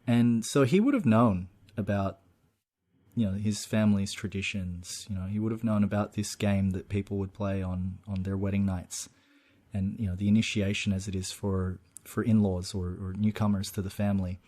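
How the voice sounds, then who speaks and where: A man's voice: fairly low pitch, steady tone, moderate pace, warm tone. A man co-hosting a podcast, casually walking through a film's plot at length and peppering his talk with "you know" and "look". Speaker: podcast co-host. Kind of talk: casual film discussion.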